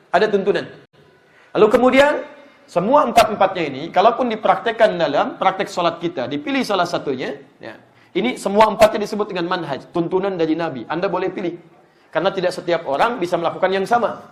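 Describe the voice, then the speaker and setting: A man preaching an Islamic lecture to a live congregation, lively and joking as he speaks to the audience directly. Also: sits high. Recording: echoey room.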